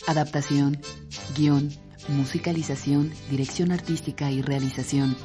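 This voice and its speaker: A man's voice: a little high, little pitch movement, normal speed. A man reading scripted closing credits as the announcer of a radio production. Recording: loud guitar music under voice. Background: guitar music.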